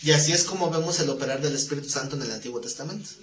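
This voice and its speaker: Man, pastor, Bible class, lively storyteller, slightly high voice, echoey room. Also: rapid-fire, faint music behind. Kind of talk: live-streamed Bible class, conversational teaching. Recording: echoey room, faint background noise.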